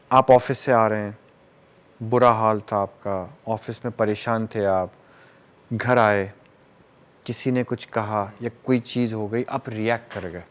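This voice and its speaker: A man, a psychiatrist guest who explains through everyday examples and mixes English terms into his talk. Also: mid-range voice.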